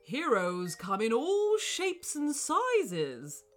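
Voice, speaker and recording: A woman voicing a kindly old male wizard stuck in a car, speaking in a loud, grand, reassuring way. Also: high voice, wildly swooping pitch, very slow, soft background music, voice pushed up, exaggerated voice.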